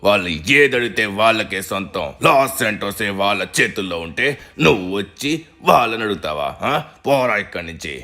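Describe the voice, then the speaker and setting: A hot-headed guard barks orders and threats in a game role-play dub, as a man acts him out. His voice sits low with a bright, forceful edge. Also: lively intonation, fairly quick. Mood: menacing. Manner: threatening, bossy. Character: menacing male guard, hot-headed thug.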